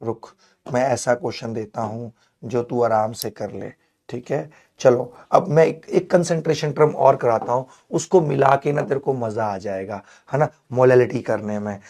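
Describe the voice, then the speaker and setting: Hoarse, playful male chemistry teacher. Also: mid-range voice, normal speed, a little mellow. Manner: playful, coaxing, affectionate with students. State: hoarse, strained throat. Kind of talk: live online exam-prep class.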